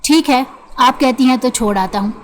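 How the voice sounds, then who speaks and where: A woman's voice: sits high, normal speed, slight background noise, natural voice. A woman voicing a rude angry young man. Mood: irritated. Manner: harsh, sarcastic.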